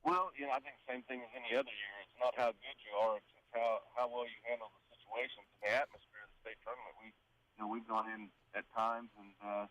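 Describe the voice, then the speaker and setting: A man, a high school baseball coach, being interviewed and hesitating with many fillers. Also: steady tone, fast, fairly bright tone, poor audio. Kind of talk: phone-in interview.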